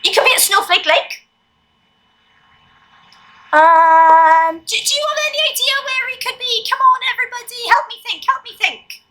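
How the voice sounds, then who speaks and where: A woman playing a cheery female Christmas elf who leads a children's exercise class, with a squeaky, slightly hoarse voice and a chirpy, coaxing manner. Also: expressive, moderate pace, pushed and bright, heavily acted, poor audio. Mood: cheerful. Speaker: fitness instructor.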